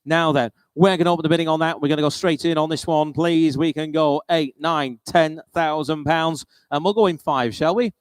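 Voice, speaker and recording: A British man runs a live auction as auctioneer, repeating bid figures in practised patter. His voice sits a little high for a man and is smooth and clear. The sound is close and dry, with no room echo. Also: fairly even intonation, fairly quick, few pauses.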